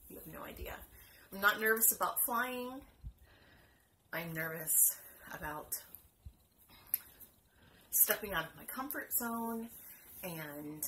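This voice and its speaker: Woman vlogger, chatty and excitable, casual home talk, noisy background. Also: medium pitch, slow pace, long pauses. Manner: chatty, excitable, self-deprecating. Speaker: cross stitch vlogger. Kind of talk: casual chat to camera. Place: home room.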